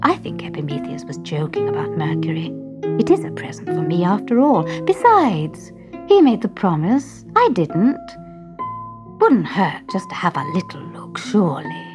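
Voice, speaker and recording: A woman's voice: fairly low pitch, wildly swooping pitch, moderate pace. A woman voicing a curious young woman who whispers to herself, tempted and torn. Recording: music playing behind.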